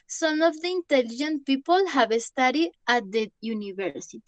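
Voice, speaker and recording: Young teacher, higher voice, dry close mic, patient, keeps checking in. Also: female voice, expressive, a little slow, dry recording. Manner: patient, repeats "¿listo?" to check understanding. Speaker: English teacher. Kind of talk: online class lesson.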